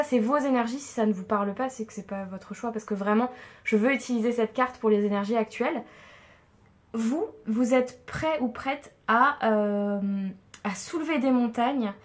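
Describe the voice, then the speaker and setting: A woman's voice: fairly high pitch, moderate pace. A woman doing a casual tarot card reading for her viewers, chatty and reassuring with many fillers. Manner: chatty, warm and reassuring, frequent fillers and soft laughs. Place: home room, with a tripod-mounted camera.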